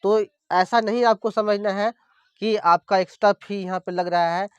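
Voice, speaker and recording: A man's voice: sits high, steady tone, moderate pace, smooth, no echo. A man explaining an app step by step in a screen-recorded tutorial, repeating himself often as he points things out. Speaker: crypto tutorial presenter. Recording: dull lo-fi dry voice-over.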